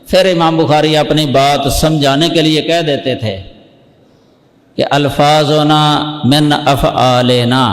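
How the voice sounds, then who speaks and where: A man, an Islamic scholar, giving a religious lesson that explains terms step by step, slowing down and repeating key words for emphasis. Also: on the high side. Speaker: Islamic scholar teaching hadith. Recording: echoey hall with long reverb.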